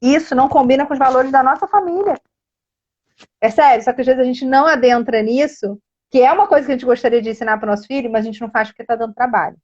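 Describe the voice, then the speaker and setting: A woman's voice: sits high, fast, darkish tone, dull audio. A woman with a Brazilian Portuguese accent speaking earnestly as a child education coach in a casual live stream, addressing viewers directly.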